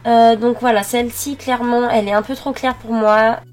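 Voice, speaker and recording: Young woman, kinda high voice, walking thru her makeup, lots of ums, faint music under it. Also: steady tone, darkish tone. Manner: halting, many fillers while working. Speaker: beauty vlogger. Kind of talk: makeup tutorial voice-over.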